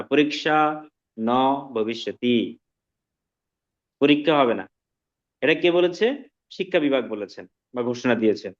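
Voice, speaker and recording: A man teaching an online language class, explaining slowly and often checking that students follow. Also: fairly high pitch, muffled recording. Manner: slow, patient explaining with frequent check-ins to students. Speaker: Sanskrit teacher.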